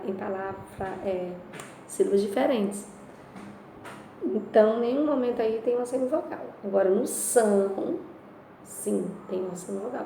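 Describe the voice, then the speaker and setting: A woman's voice: medium pitch, gravelly, mellow. Brazilian woman teacher in an echoey room. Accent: Brazilian Portuguese. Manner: explains step by step and asks and answers her own questions. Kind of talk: remote Portuguese lesson. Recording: echoey room with faint noise.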